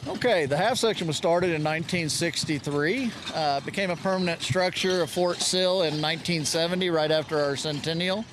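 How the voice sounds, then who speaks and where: Interviewee, man, polite and factual, clear background noise outdoors. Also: fairly high pitch, normal speed, hardly any pauses. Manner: polite and matter-of-fact. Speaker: interviewee, artillery horseman. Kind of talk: interview answers. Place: outdoor rodeo arena.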